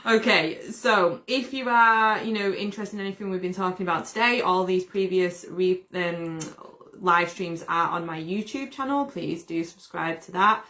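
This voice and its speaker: A woman's voice: lowish voice, moderate pace. A young woman from the UK, hosting a casual livestream, talking loosely with fillers as she wraps up. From United Kingdom. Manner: relaxed, fillers, promotional wrap-up. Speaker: livestream host.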